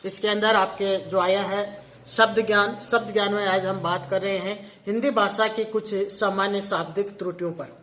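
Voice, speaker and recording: A man's voice: sits high, flat delivery, normal speed, sharp tone, a little hiss or hum. A male teacher giving a recorded lesson to seventh graders. He explains each point step by step and repeats every word several times. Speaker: school teacher.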